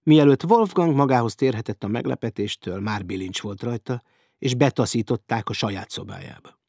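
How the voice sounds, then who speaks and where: A male narrator reads a crime story aloud with a husky, slightly breathy voice. His delivery is dramatic and vivid, and the recording is close and dry. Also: medium pitch, darkish tone, no room sound. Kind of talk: audiobook reading.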